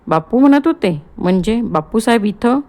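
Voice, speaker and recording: A woman's voice: a little high, lively intonation, normal speed, darkish tone, voice pushed up. Woman voicing a bitter, distraught young wife. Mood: startled. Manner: curt and bitter. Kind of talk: audiobook play reading.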